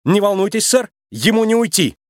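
A man puts on a small, plucky young rabbit policewoman, her voice pushed well up into a high, lively register. She barks earnest commands at a thief and pleads her case, and the dry, close sound keeps every word crisp. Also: brisk, no room sound. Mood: determined.

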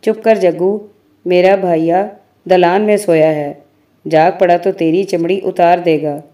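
A woman's voice: lowish voice, fairly even intonation, a little slow, mellow, pitched below the performer's own voice, close to an everyday voice. A woman voicing a scolding village girl. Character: sharp-tongued young village woman, scolding.

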